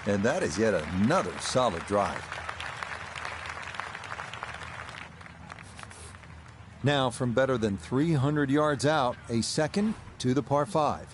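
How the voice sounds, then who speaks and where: A man playing a TV golf commentator in a video game, giving measured, polished broadcast commentary. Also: mid-range voice, lively intonation, a little hiss or hum, natural voice. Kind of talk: scripted television-style golf commentary. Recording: music and crowd behind voice. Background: background music and crowd.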